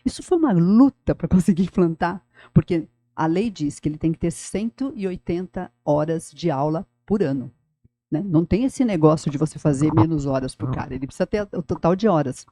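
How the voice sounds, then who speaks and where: A middle-aged woman, a former school director telling stories in a podcast interview, animated and addressing the listener directly. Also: low voice, fairly quick, no room sound.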